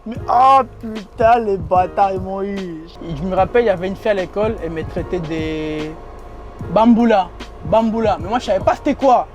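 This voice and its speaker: A high-voiced young man with a foreign accent, not a native French speaker, talks as an interviewee in a limousine at a moderate pace over soft background music. His casual talk is slangy and streetwise, and he repeats phrases and laughs often.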